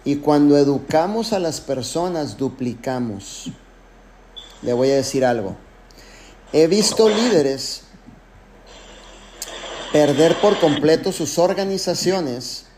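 A man's voice: fairly high pitch, lively intonation, slow pace, long pauses, dark tone, a little hiss or hum. A man who leads a network marketing team, giving an emphatic motivational talk full of anecdotes and direct address.

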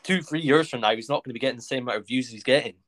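A man's voice: mid-range voice, rapid-fire, fairly bright tone, dry recording. A young man hosting a casual podcast chat, boastful, swearing and tripping over his words. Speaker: podcast host.

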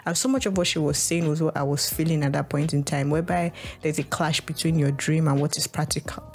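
This young Nigerian woman talks a little fast in a steady, low-pitched voice, with a Nigerian English accent. Hosting her podcast, she offers a casual, reflective, rambling monologue full of "like" and restarted phrases.

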